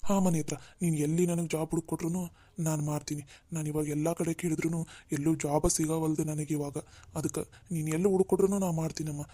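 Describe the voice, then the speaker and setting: A humbled, jobless older brother from a dubbed cartoon drama, as a man voices him. His voice is fairly high for a man but dark and mellow, moving little in pitch. It sounds close and dry. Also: level tone, a little fast, no echo, lightly acted. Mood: gentle. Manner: gentle, pleading, dialect-heavy.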